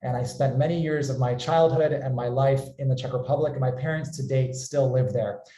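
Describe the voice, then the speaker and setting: An enthusiastic, upbeat American man, acting as a company founder, opens and hosts an online webinar. His voice is mellow and medium-pitched, and he talks fairly quickly over a slight hiss or hum. The call comes from an indoor room, and the sound is roomy and echoey.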